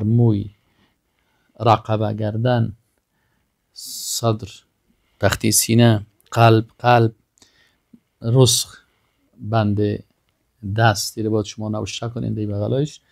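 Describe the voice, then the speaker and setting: An older man teaches a vocabulary lesson in a low, dark voice full of gravelly fry. He pronounces each term carefully and repeats it before he explains it. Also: flat delivery. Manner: slow, repeats each word and then gives its meaning. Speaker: Arabic teacher. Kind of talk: vocabulary lesson, word then translation.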